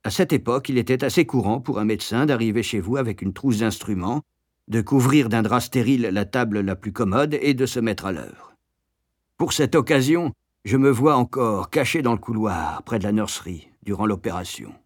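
A man narrating a memoir as an audiobook, with expressive, lively storytelling. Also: mid-range voice, moderate pace, no echo, studio quality.

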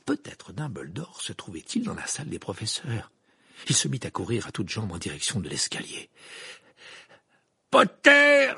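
Male narrator, audiobook reading, gravelly, husky, very lively pitch, dry close mic. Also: fairly quick, no echo. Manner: expressive reading, wide pitch swings.

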